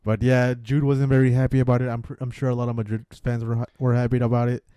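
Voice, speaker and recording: A man's voice: medium pitch, fast talker, clean tone, dry recording. A man co-hosting a podcast, talking football casually, swearing freely and calling his co-host "dude". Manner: relaxed, swears casually, says "dude" often. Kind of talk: casual sports chat.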